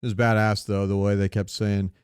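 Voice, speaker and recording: Here the co-host speaks at a moderate pace, his low voice resonant and clear with little pitch movement. The informal film and pop culture chat, peppered with swearing, comes through in clean studio sound with no room tone.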